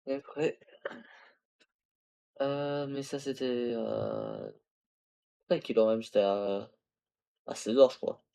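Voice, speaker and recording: A man's voice: mid-range voice, animated, slow, vocal fry, pauses often, mellow. Tired young man rambling on a stream. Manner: rambling, tired, self-talk with fillers and laughs. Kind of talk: casual gaming livestream chat. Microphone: phone used as camera.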